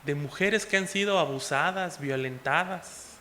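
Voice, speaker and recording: A man with a Mexican Spanish accent preaching an impassioned sermon as a pastor, moving between loud exhortation and soft asides. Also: on the high side, unhurried, a little hiss or hum. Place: church hall. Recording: echoey church hall.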